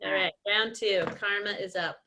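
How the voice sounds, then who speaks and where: A woman's voice: mid-range voice, steady tone, moderate pace, bright, forceful tone, slight background noise. A woman hosting and judging a contest in a casual, mock-serious style. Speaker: contest judge and host.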